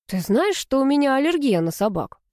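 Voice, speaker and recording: A woman's voice: high-pitched, sing-song, brisk, darkish tone, no room sound, studio quality, voice pushed up. A woman reading the lines of a grumpy teenage boy who keeps sneezing and mumbling, in audiobook narration. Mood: peevish.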